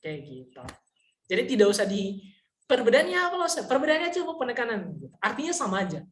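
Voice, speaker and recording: A woman teaching a casual online Mandarin lesson, explaining patiently, saying example sentences slowly and often checking whether her students understand. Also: fairly high pitch, big pitch swings, reverberant.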